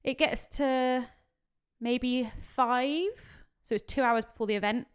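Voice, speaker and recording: A woman's voice: a little high, slow, clear, resonant tone. A woman in her thirties, co-hosting a podcast as a casual, swearing storyteller who laughs often. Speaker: podcast co-host. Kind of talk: casual chat.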